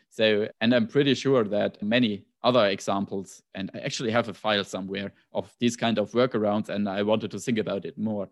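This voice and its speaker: A man with a German accent talks casually on a podcast, his voice sitting a little on the low side. He thinks out loud, restarting phrases and adding asides as he goes. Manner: thoughtful, frequent restarts and asides.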